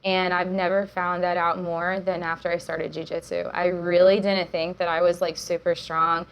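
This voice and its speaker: A woman's voice: on the low side, flat delivery, normal speed, highs cut off. A young woman, a jiu-jitsu coach, talking as a guest in a casual chat, upbeat and full of fillers and laughs.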